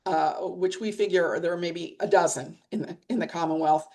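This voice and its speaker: A woman's voice: on the low side, fairly even intonation, moderate pace, a little mellow. A middle-aged woman leading a press association, talking bluntly and emphatically in a webinar discussion over a video call. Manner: blunt, plain-spoken, emphatic.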